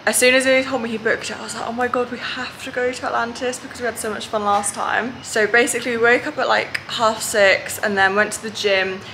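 A woman's voice: a little high, fairly even intonation, fairly quick, hardly any pauses, pushed and bright, a little hiss or hum. A young woman in her twenties telling holiday stories in a chatty, giggly way for her travel vlog. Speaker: vlogger. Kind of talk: casual travel vlog chat.

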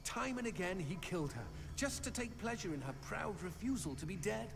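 Flamboyant demon skull, theatrical storyteller, high voice, wildly swooping delivery. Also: male voice, big pitch swings, a little fast, vocal fry, heavily acted, low-quality recording. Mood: dramatic. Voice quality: theatrical, relishing. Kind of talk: video game voice acting, storybook reading. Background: game music.

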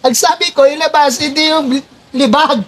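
A man playing a boastful, bossy village circumciser in a comedy skit, loud and swearing. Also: extremely high pitch, steady tone, normal speed. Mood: scolding.

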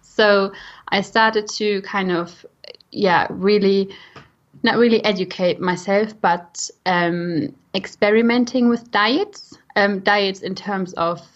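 Speaking slowly with medium pitch and fairly even intonation, a young woman from Germany shares her personal story in a conversational way. She's a nutrition coach guesting on a podcast, has a German accent, and the recording is dull and a touch lo-fi.

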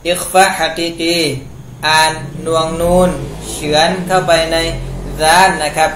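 Speaking a little slowly in a slightly high, fairly bright voice with little pitch movement, a man teaches Quran recitation step by step from home. He recites phrases and patiently explains the pronunciation rules, and the echoey room adds faint noise.

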